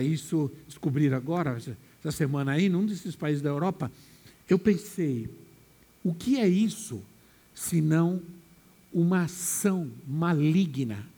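A man's voice: a little high, normal speed, dark tone, husky. A man preaching a sermon, often repeating phrases and asking the congregation questions. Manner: repeats phrases, restarts and asks rhetorical questions. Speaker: pastor.

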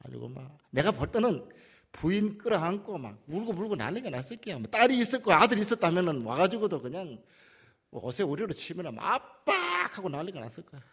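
A man's voice: high-pitched, sing-song, a little fast, fairly bright tone, slightly rough. A male pastor with a Gyeongsang accent preaching a conversational sermon and putting questions to the congregation. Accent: Gyeongsang dialect. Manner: conversational, asks the audience questions.

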